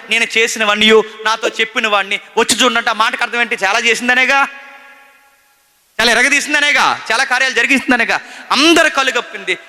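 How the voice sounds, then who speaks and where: A man preaching a sermon, swinging between loud emphatic questions and hushed storytelling. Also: high voice. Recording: long hall reverb.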